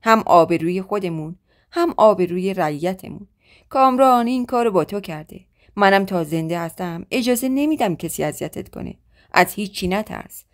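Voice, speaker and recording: A woman's voice: mid-range voice, lively intonation, lightly acted. Dignified older lady of the house, as a woman reads her. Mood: firm. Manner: firm but reassuring.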